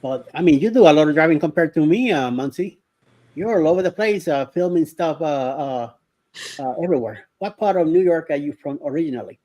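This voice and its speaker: A man's voice: on the high side, animated, fairly quick, dark tone. A middle-aged man from Miami hosting a casual live stream, rambling with lots of hesitations and greeting viewers by name. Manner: rambling, hesitant with many fillers.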